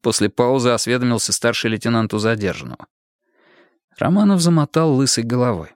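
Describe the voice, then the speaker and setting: A man narrating a crime novel as an audiobook reader in an expressive way. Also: medium pitch, a little fast, no echo, clean studio sound. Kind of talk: scripted narration.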